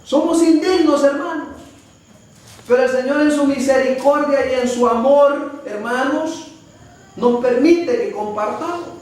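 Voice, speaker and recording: A man's voice: very high voice, measured pace, darkish tone. A man with a Salvadoran Spanish accent teaching a Bible study, often calling listeners brother and asking rhetorical questions. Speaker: preacher. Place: church hall. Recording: echoey room from far off with faint ambience.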